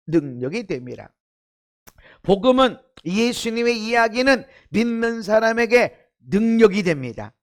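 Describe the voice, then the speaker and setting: A middle-aged man preaching a sermon as pastor, firing rhetorical questions at the congregation and swinging from hushed, intimate asides to shouted fervor. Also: sits high. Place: church sanctuary.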